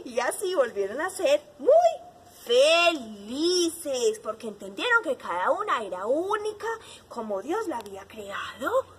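A woman teacher in character as Mother Nature, telling a story to young children in an outdoor garden with lively exclamations. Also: fairly high pitch, slight background noise. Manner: animated, exclamatory, sing-song.

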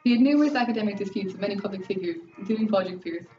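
A young adult woman with an Irish accent, a student presenter, rushes through a scripted educational narration in a mellow, medium-pitched voice. The audio is dull and band-limited, and she sounds distant in a roomy space with faint music behind her.

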